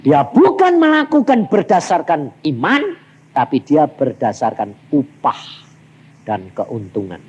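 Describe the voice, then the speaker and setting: Animated Javanese-accented man preaching. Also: on the high side, slow pace, lo-fi sound, a little hiss or hum. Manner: animated storytelling, acting out dialogues with big vocal swings. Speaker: evangelist preacher. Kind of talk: sermon.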